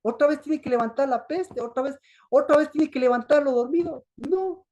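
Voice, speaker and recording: A woman's voice: high voice, normal speed, warm tone. A woman preaching a sermon, asking her listeners questions and answering them herself, repeating herself for emphasis. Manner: repetitive, emphatic.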